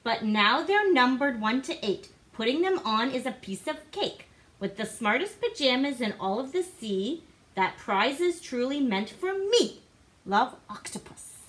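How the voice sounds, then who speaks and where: In an unhurried way, a woman with a high, slightly bright, very animated voice reads a rhyming storybook to young children. She is a guest co-reader, playful and theatrical, sitting in a living room. A device camera placed a short distance away picks her up.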